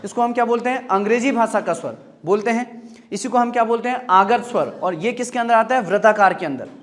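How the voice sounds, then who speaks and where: A man's voice: high voice, quick pace. A man teaching a grammar lesson. He asks the class short repeated questions and answers them himself.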